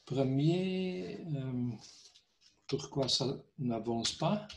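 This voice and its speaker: Older-ish guy w/ foreign accent in french, non-native, kinda hesitant, doing a tech presentation on a video call, normal pitch. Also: lively intonation, drawn-out words, gravelly, slight background noise. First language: not French. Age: middle-aged or older. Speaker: speaker at technical webinar. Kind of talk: technical presentation. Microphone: computer microphone on a video call.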